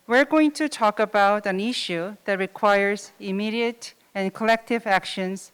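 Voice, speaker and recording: A woman with a smooth, resonant voice hosts a formal session and reads scripted introductions. Her voice carries a long hall reverb, and she makes occasional small restarts. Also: mid-range voice. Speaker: session moderator. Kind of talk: formal event hosting.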